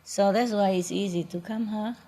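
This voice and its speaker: A woman's voice: mid-range voice, steady tone, normal speed, warm tone. A woman spiritual teacher chatting casually with a gathering, playful and laughing often, in broken English.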